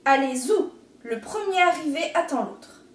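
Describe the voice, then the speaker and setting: A woman's voice: high-pitched, lively intonation, unhurried, recorded from a distance, a little hiss or hum, voice pushed up. A woman voicing a brave, cheerful little rooster in a storybook, speaking in an eager, friendly way, in an echoey room. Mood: earnest.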